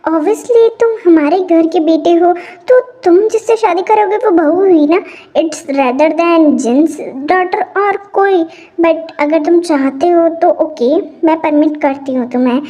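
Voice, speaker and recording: A woman's voice: very high-pitched, a little slow, warm tone. A woman voicing a doting father who soothes his crying daughter, in an amateur fan audio drama. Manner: soothing, coaxing. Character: doting father, gentle, reassuring.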